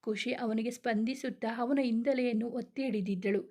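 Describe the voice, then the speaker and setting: A woman narrating a romantic audio story at an even, unhurried pace. Her voice sits a little high, and her reading stays gentle and steady.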